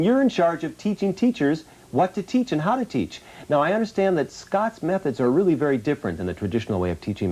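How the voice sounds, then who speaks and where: A man interviewing for an infomercial in a brisk, emphatic way. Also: medium pitch, a little mellow, poor audio.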